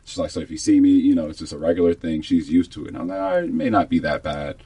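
Deep, husky man telling stories. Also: rapid-fire, warm tone, dry recording. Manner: chatty, acts out quoted speech. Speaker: foundation guest. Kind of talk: casual interview storytelling.

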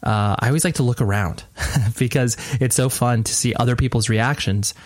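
Quiet late-night American man, very dry sound. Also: medium pitch, normal speed, dry recording. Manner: keeping his voice quiet at night, restrained; rambling, informal, earnest. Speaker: podcast host. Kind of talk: casual podcast intro. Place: at home at night, next door to a sleeping person.

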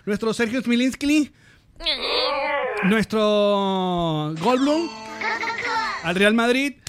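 A man's voice: high voice, lively intonation, very slow, loud music behind the voice. A man hosting a casual comedy podcast, teasing and joking with his guest. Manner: joking, teasing, playful interviewer. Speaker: podcast host.

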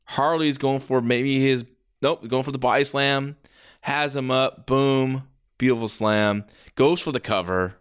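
A man's voice: medium pitch, unhurried, smooth. A man doing casual play-by-play as a wrestling commentator, reacting with exclamations and the odd swear word.

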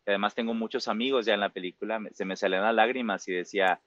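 A man's voice: lowish voice, steady tone, very fast, a bit bright, dry recording, muffled recording. A Mexican man in his forties with a Mexican Spanish accent, a musical theater performer talking reflectively in an interview, full of fillers and tag questions. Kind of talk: casual interview talk.

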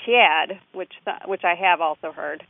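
A woman's voice: lowish voice, fairly even intonation, fairly quick. A woman linguist giving expert commentary, analytically explaining pronunciation step by step. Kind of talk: expert commentary on speech samples. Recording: tinny phone line.

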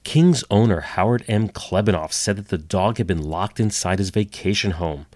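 A man with a fairly low, darkish voice speaks expressively at a moderate pace, slightly nasal as he gets over a cold. He hosts a storytelling history podcast with dry, wry asides, recorded dry on a home computer setup.

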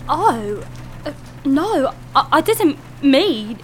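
A man's voice: very high-pitched, big pitch swings, very slow, fairly bright tone, a little hiss or hum, pitched above the performer's own voice, full character voice. A man voicing a young woman driver, nervous and hesitant. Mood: frightened. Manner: breathy, hesitant, giggly.

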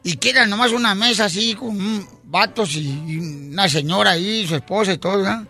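A man hosting a comedy radio show, rattling off jokes in a lively, rapid way full of fillers and shouts. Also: high-pitched. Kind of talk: comedy radio joke telling.

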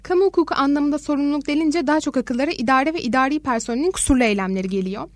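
A woman hosts a student radio show, reading prepared introductions and questions in a formal, polite manner. Her voice is high and her delivery brisk. The sound is dry and close. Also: no room sound.

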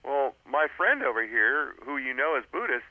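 Calling into a radio interview, this author speaks in a sing-song, mid-range voice at normal speed. He tells his story earnestly but keeps restarting and filling gaps with "uh," all over a dry, tinny phone line.

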